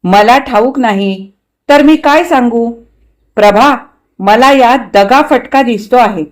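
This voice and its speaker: A woman's voice: a little high, slow. A woman voicing a wary young husband in a read-aloud story, who talks in a firm, slightly stern way. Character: young husband, wary and quick to get irritated.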